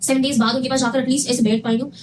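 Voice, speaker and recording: A woman's voice: high voice, fairly even intonation, racing, noisy background. A young woman casually telling her own health story to her viewers, emphatic and repeating phrases for stress. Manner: emphatic, repeats phrases, mixes Hindi with English.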